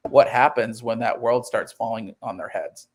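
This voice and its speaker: Here a thirtysomething comic book writer, interviewed as a guest, earnestly walks through his creative work, voicing quotes along the way in a conversational storytelling manner. His pitch is medium, his intonation fairly even, and his pace moderate.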